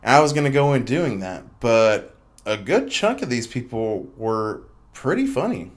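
A man's voice: medium pitch, sing-song, normal speed. A young man hosting his own podcast, talking casually in a rambling, chatty way full of fillers and restarts. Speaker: podcast host. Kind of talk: casual solo podcast monologue.

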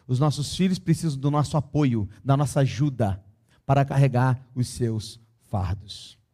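A man preaching a sermon and telling a story, swinging between loud emphasis and quiet tenderness. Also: medium pitch, normal speed.

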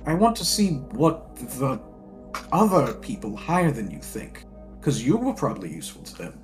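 A man's voice: medium pitch, wildly swooping pitch, moderate pace. A man playing a tabletop game, speaking in casual role-play dialogue. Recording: background music over the voice.

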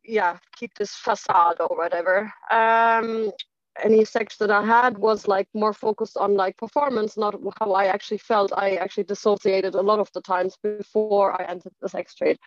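A woman from Germany tells her life story candidly, speaking haltingly with lots of "like" and restarts. Her voice is medium-pitched with a steady tone, captured in a dull, lo-fi, dry recording.

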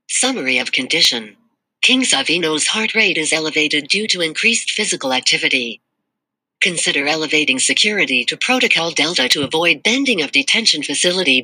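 A performer voicing a malfunctioning robot AI podcast producer in a glitching robot manner, reading out system status alerts and error warnings in a flat synthetic delivery. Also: medium pitch, husky, dry recording, full character voice. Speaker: stand-in podcast host. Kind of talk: comedic scripted monologue.

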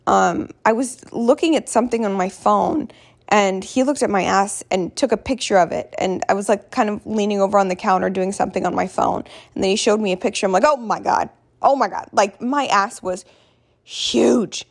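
A woman with a hoarse voice telling a personal story casually, in a candid, rambling, self-deprecating way. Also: mid-range voice, moderate pace. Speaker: vlogger.

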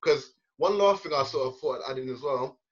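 A young man from East London co-hosting a podcast, earnestly recalling youth football training with halting fillers. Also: medium pitch, husky. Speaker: podcast co-host, former youth player. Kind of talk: casual podcast chat. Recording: dull lo-fi podcast recording.

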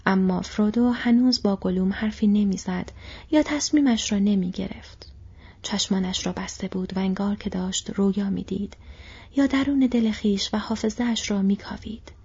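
A woman narrates an audiobook in a very breathy, near-whispered voice, soft and hushed throughout. The sound is dull and lo-fi, lacking any crispness. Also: medium pitch. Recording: dull lo-fi recording.

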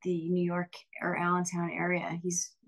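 A woman with a somewhat low voice chats easily in an interview. Her talk is upbeat and loose, full of little fillers and quick laughs. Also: monotone, low-quality recording. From Pennsylvania, Lehigh Valley. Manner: chatty, upbeat, often laughing, frequent fillers. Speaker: singer and bandleader, interview guest. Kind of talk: casual interview conversation.

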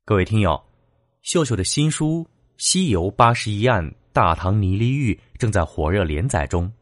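A man tells old ghost stories with dramatic flair, his lowish voice swinging widely in pitch as the tale unfolds. The sound is dry and close, with no room around it. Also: lively intonation, normal speed, no echo. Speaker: storyteller. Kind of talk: dramatic narration of classic ghost tales.

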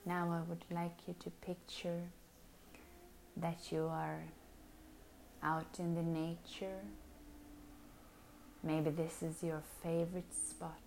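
Leading hypnosis in a drawn-out, unhurried way, a woman speaks low and mellow, soothing and soft, slipping into breathy whispers on many phrases. Her delivery is flat, and the low-quality recording carries slight background noise.

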